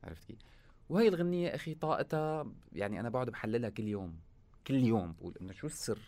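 A man's voice: lowish voice, big pitch swings, rapid-fire, darkish tone. A man with a Syrian Arabic accent talking casually as a musician guest in an interview, telling things colloquially in short bursts.

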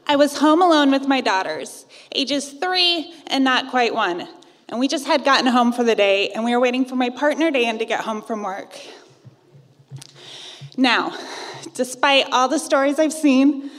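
High-voiced woman telling a personal ghost story. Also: big-room sound. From Iowa. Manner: wry, conversational, self-teasing.

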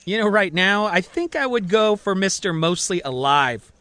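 A woman's voice: lowish voice, expressive, moderate pace, a bit bright, dry recording. Man voicing a sarcastic woman doctor.

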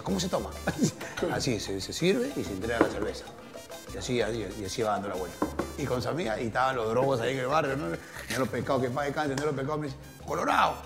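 A middle-aged man with a Peruvian accent from Callao, an interview guest telling stories in a relaxed, laughing way and acting out the dialogue. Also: mid-range voice. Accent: Peruvian Spanish, Callao. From Peru. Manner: laughing, animated storyteller, plays out quoted dialogue. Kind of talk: casual storytelling interview.

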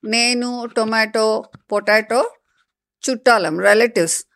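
A woman voicing a friendly, know-it-all talking eggplant in a children's story, lecturing in a lively, playful way. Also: on the high side, slow pace. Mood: chatty, teaching.

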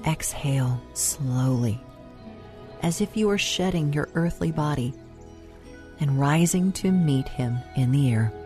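Slow, low, soft-spoken woman guiding meditation. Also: animated. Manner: soft, soothing, unhurried delivery with long pauses. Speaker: meditation host. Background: music.

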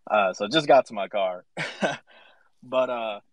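Breathless male panelist, low voice, dry sound. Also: takes it slowly, dry recording, rough recording. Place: outdoors in the rain, reaching his car.

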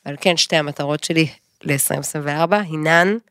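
A woman's voice: sits low, fairly even intonation, clean tone, no room sound. Woman co-host, 30s, theatrical self-mocking chat, dry close sound. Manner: bursts into loud sung snippets; dramatic, self-mocking complaints. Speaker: podcast co-host. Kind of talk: casual chat.

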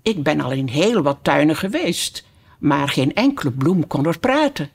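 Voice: medium pitch, very animated, normal speed, creaky, husky, exaggerated voice. Alice, a reader doing a shy young girl. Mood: timid. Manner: timid, polite, hesitant.

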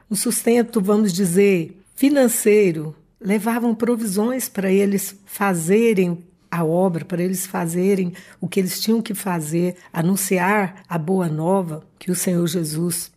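Mellow-voiced Brazilian woman co-hosting a Bible talk. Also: mid-range voice. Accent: Brazilian Portuguese. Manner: hesitant, repeats words while searching for them. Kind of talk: conversational Bible talk and reading.

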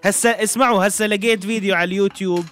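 A man's voice: high voice, fairly even intonation, rapid-fire, a bit bright. A man with a Jordanian Levantine accent, a podcast co-host in casual comic banter, teasing and mock-exasperated.

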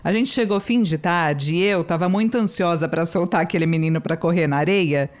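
A woman's voice: lowish voice, fairly quick. A woman hosting a casual conversation, chatty and telling a personal story about her young son.

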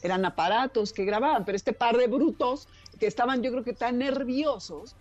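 In a muffled recording, a radio broadcaster with a Mexican Spanish accent recounts stories at a moderate pace in a voice on the high side. Chatting casually, she brings her anecdotes to life by acting out the people in them.

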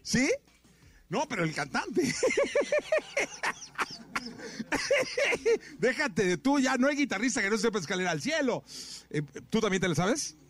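A man with a Mexican accent hosting live radio in a studio booth, joking in quick slang and laughing often. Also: high-pitched, very animated, a bit bright. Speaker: radio host.

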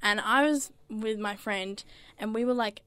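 A woman's voice: medium pitch, fairly even intonation, measured pace, fairly bright tone, clean tone, no echo. A young woman co-hosts a casual podcast and tells school stories in a chatty voice. She laughs easily between her lines. The sound is dry and close, with no room around it. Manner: chatty storyteller who laughs often. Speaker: podcast co-host. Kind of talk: casual chat.

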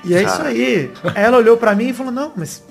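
A man's voice: very high-pitched, quick pace, gravelly, soft background music. A man, co-hosting a podcast and telling a slangy, laughing story in casual chat. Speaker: podcast co-host.

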